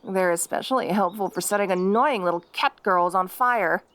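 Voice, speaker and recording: A woman's voice: medium pitch, moderate pace, a bit bright, lightly acted. A woman playing a jealous yandere fox girl in an audio role-play, cheerfully menacing and taunting. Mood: boastful, menacing. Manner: jealous, taunting, gleefully threatening.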